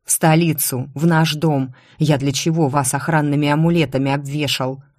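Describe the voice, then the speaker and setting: A woman's voice: deep voice, steady tone, moderate pace, darkish tone, dry recording, studio quality. A woman voicing a stern, irritable male university rector, a mage who scolds in anger, read in an audiobook. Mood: angry. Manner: angry, scolding. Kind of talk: audiobook character reading.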